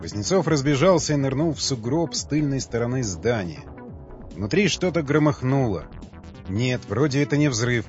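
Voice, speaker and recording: A man reading an audiobook as the narrator, with steady, scripted delivery. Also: mid-range voice, moderate pace. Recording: dull lo-fi audio with faint music.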